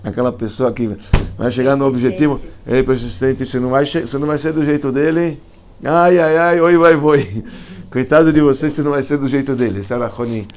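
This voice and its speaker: A man's voice: medium pitch, quick pace. A man, a rabbi telling a Talmud story in a casual, colloquial lesson. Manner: animated, colloquial, with slang and restarts. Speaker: rabbi teaching a class.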